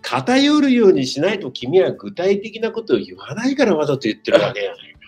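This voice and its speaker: A man hosting a casual talk with students, teasing them in a rough, blunt way. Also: fairly high pitch, wildly swooping pitch, brisk, darkish tone, soft background music. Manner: brusque, teasing, rough-spoken. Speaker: free school counselor hosting a talk.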